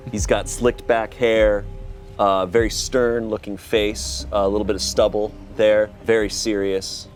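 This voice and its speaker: A man with a deep voice describes his character as a player in a tabletop game. The narration is improvised, with faint music underneath. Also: little pitch movement, a little slow.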